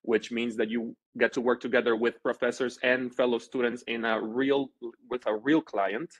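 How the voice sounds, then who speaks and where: A man's voice: mid-range voice, little pitch movement, normal speed, slightly rough. A young man from Honduras giving a loose, informal webinar presentation over a video call, full of fillers and restarts. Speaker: marketing coordinator.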